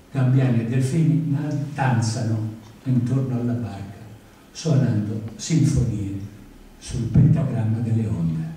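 An older man reading his poetry and chatting between poems at a panel table in a large lecture hall, with emphatic pauses and hesitant asides, recorded by a distant camera. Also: medium pitch, dark tone. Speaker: poet reading at a book event. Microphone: far camera. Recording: very echoey hall from far off, faint noise.

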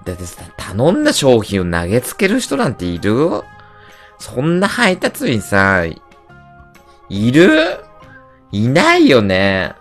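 Animated, rough-talking man ranting casually. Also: mid-range voice, slow, faint music behind. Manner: animated ranting storyteller, rough slangy speech. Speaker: livestreamer. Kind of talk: casual chat.

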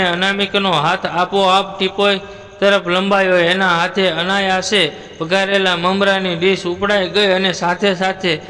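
A man narrating a moral story in a steady, even storytelling read. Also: sits high, in a large hall.

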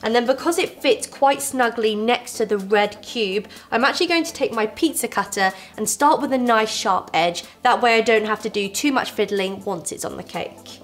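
Speaking with a slightly high voice at a moderate pace and few pauses, a young baking show host walks viewers through a recipe step by step. She's friendly and reassuring, filming in her home kitchen decorated with fairy lights.

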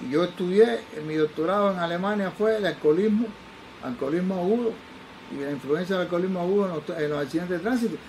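Fast-talking older Cuban man telling stories. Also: high voice, a little mellow, a little hiss or hum, poor audio. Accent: Cuban Spanish. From Cuba. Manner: acts out the voices of people he quotes. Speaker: forensic toxicologist. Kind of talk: animated personal storytelling.

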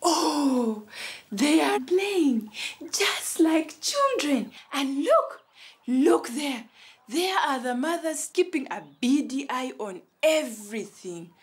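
Actress as wonderstruck, timid female hiker for kids' show; high, swooping, drawn-out delivery. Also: sing-song, heavily acted. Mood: amazed. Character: amazed, timid female hiker watching gorillas. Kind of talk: scripted children's educational sketch.

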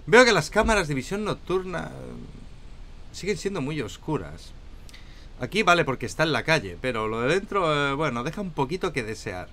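A man's voice: fairly high pitch, sing-song, moderate pace, pushed and bright, slight background noise. A young man from Spain with a Spanish accent, chatting and joking to viewers during a solo game commentary. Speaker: gaming YouTuber.

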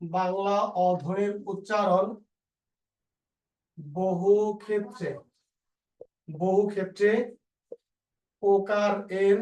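A male teacher with a Bangladeshi Bengali accent, slowly dictating spelling rules and repeating example words. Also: sits high, highs cut off. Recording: echoey room, voice a bit far from the mic.

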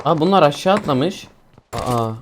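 A young man casually commentating his own mobile shooter gameplay, chatty and excitable, talking to viewers and teammates. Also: a little high, moderate pace, noisy background. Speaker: gaming streamer.

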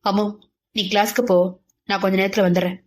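A woman voicing a gentle, caring young man who teases in a dry, deadpan way, in her own reading voice for an audiobook. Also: mid-range voice, fast, natural voice. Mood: tender.

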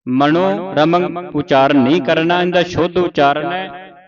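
A man's voice: a little high, steady tone, lo-fi sound, a crowd in the background. A man teaching scripture pronunciation, reciting line by line and having students repeat, sometimes singing phrases. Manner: slow, syllable-by-syllable drilling with sung phrases.

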